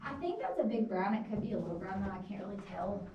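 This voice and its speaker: A woman's voice: mid-range voice, expressive, quick pace, distant mic, lo-fi sound, slight background noise. A woman working as a cave guide, talking casually and informally to her tour group inside an echoing cave. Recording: echoey cave, off-mic, people around.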